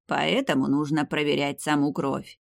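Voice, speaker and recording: A reader voicing a proud old grandfather who heads a clan, speaking slowly and self-importantly in an audiobook. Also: medium pitch, fairly even intonation, vocal fry, no echo, clean studio sound, natural voice. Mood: smug. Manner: slow, self-important, drawn-out speech. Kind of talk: audiobook character voice.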